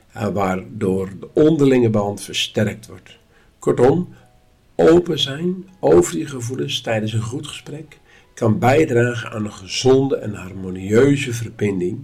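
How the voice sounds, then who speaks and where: A man talks through a lesson in a calm, instructive way. His voice is husky and a little breathy, and his pitch sits in an ordinary middle range. He keeps a measured, steady delivery. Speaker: course teacher. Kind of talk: spoken lesson.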